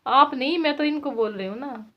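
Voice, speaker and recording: A woman's voice: high-pitched, normal speed. A woman vlogging from her village home, chatting casually with her viewers and laughing often. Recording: dull lo-fi sound.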